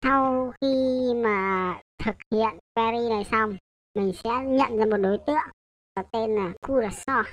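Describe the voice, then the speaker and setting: A slightly high, somewhat bright female voice speaks at a measured pace, with no room sound at all. She's giving an informal coding tutorial in a loose, hesitant way, revising her own statements and frequently checking in with listeners.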